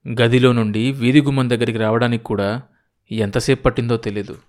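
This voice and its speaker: A man narrating a novel as an audiobook, in a measured, dramatic storytelling manner. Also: mid-range voice, steady tone, a little mellow. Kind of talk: novel reading, scripted narration.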